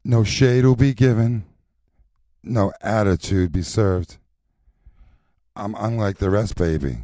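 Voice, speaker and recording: A man records voice lines as a sassy, confident drag mother teaching a class, chanting slowly and rhythmically with sultry, stretched-out endings. His lowish voice is warm, and the studio-quality recording has no echo.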